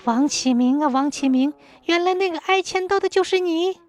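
A woman voicing a shrill, vengeful young wronged woman. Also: normal speed, soft background music. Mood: furious. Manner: accusing, shrill, teeth-gritting.

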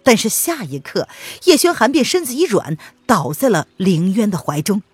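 A woman reading an audiobook with a lively, animated pitch and a lowish, husky voice. The recording is dry and close, with soft music faintly behind her. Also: normal speed, no echo. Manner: expressive storytelling read. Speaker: narrator. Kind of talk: audiobook narration.

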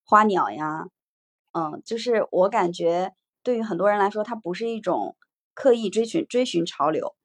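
A woman's voice: medium pitch, expressive, normal speed, dry recording. A woman hosting a casual livestream discussion, reflective, reading out viewer comments and musing on them. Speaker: podcast host.

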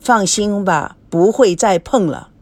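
A woman's voice: mid-range voice, a little mellow. Woman doing a nervous grown son. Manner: nervous, hurried. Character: anxious grown son, hurried.

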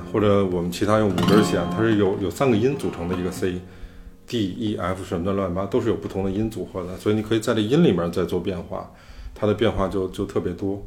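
A man hosting a podcast, explaining music theory in loose, casual talk. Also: fairly low pitch. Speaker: podcast host. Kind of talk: casual chat.

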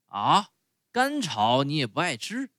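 A man voicing a gruff, greedy circus master who barks and scolds. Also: a little high, lively intonation, normal speed, pushed and bright, dry recording, studio quality, pitched above the performer's own voice. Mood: angry. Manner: barking, scolding.

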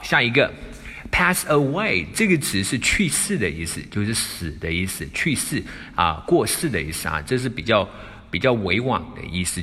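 A man with a low, slightly husky voice hosts an English lesson, repeating phrases slowly for practice. His delivery swings up and down in pitch with a bright tone. A long reverb trails behind his voice. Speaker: English teacher and host.

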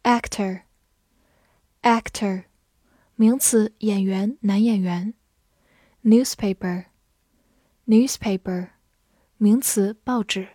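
A woman English teacher narrating a vocabulary lesson, slowly repeating each word twice before giving its meaning. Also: mid-range voice, dark tone, husky, dry recording, clean studio sound. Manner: slow, drawn-out word repetition.

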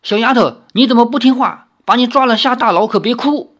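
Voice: mid-range voice, sing-song, brisk. A storyteller voicing a sly, hostile male spy who bluffs and barks threats. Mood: threatening. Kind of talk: audiobook character voice.

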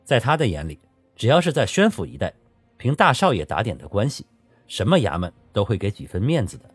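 A male audiobook narrator reads a historical novel in a low, husky voice with lively, expressive rise and fall. The sound is dry and close, with faint background music. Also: a little fast, dry recording. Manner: expressive storytelling.

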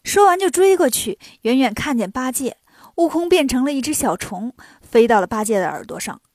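A woman narrating a children's story in a lively, clear and expressive way. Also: high-pitched, brisk, no room sound.

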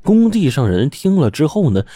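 A man narrating a ghost story in a steady, suspenseful telling. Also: a little high, normal speed, no echo, soft background music.

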